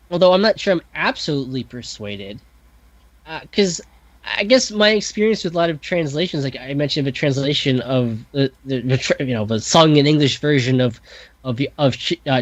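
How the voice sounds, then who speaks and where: On a muffled, echo-free recording, a man with a fairly high voice chats casually and thoughtfully as a podcast guest. He's a composer, and he often uses fillers, starts over and corrects himself.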